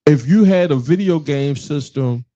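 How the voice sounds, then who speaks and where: A loud, cussing man in his forties with a Southern US accent, swapping old-neighborhood stories on a podcast. His tone is mellow and warm. The recording is a little dull and lo-fi. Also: on the high side, moderate pace. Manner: loud, profane, laughing storyteller. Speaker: podcast host. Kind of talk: casual chat. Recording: dull lo-fi sound.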